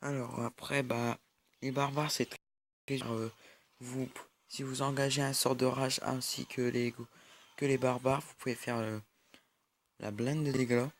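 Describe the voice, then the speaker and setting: A young man who makes gaming YouTube videos comments casually on a mobile game over his screen recording. His medium-pitched voice stays level, his pace is a little slow with frequent pauses, and he hesitates constantly with fillers and restarts.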